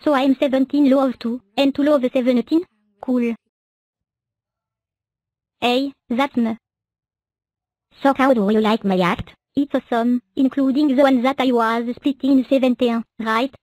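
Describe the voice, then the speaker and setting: A young woman voicing characters for a fan cartoon in a bright, playful manner, recorded at home on a webcam. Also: high-pitched, steady tone, measured pace, pauses often, no echo.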